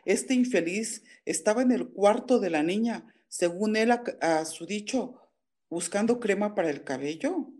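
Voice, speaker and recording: A woman's voice: medium pitch, animated, a little slow, warm tone. A woman calling in, telling an upsetting family story in an agitated, indignant way with many restarts. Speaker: caller. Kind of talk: emotional phone-in account.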